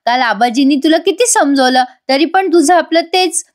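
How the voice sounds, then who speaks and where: A blunt, middle-aged mother, put on by a woman, scolding her daughter in a spoken TV serial recap. She scolds bluntly, but with fondness. Her voice is fairly high. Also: animated, moderate pace.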